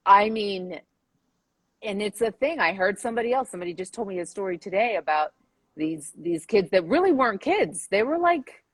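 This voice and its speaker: A woman's voice: medium pitch, expressive, moderate pace, dry recording. A woman co-hosting a casual chat, blunt and joking as she speaks. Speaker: co-host.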